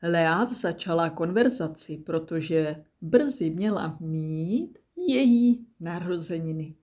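A woman with a fairly low voice reads a children's story aloud. Her delivery is calm and measured. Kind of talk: storybook narration.

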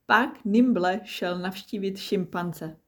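A woman narrating a children's animal story in a calm, measured reading voice. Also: medium pitch.

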